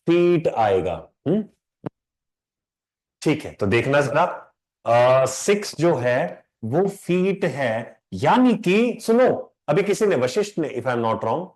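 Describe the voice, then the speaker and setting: Lively man teaching English grammar. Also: fairly high pitch. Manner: lively and conversational, mixes English into Hindi, quizzes students. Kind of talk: live online lecture.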